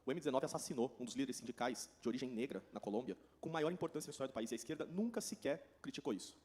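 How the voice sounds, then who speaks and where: A man with a Brazilian Portuguese accent works as a consecutive interpreter at a conference. His mid-pitched voice moves very quickly through each translated passage. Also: expressive, darkish tone. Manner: rapid, running translation.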